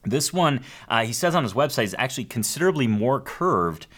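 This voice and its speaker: A man hosting a podcast about acoustic guitars, upbeat and excitable, with jokes at his own expense. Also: mid-range voice, fairly quick. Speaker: podcast host. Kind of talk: enthusiastic show hosting.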